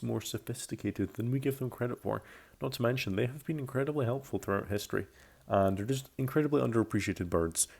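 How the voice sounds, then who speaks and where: A YouTuber in his early twenties, from Belgium, Scotland and France, rambles casually about himself, often restating or correcting his phrases. His medium-pitched voice is creaky with a darkish tone.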